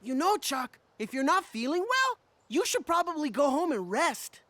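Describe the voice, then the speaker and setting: A woman's voice: high voice, very animated, normal speed, background noise. A woman voicing a friendly, helpful scoop truck in a children's cartoon.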